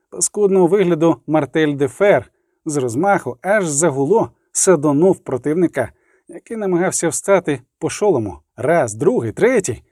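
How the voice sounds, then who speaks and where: A man's voice: a little high, mellow, dry recording. A man narrating an audiobook with a vivid, dramatic reading on a close studio mic.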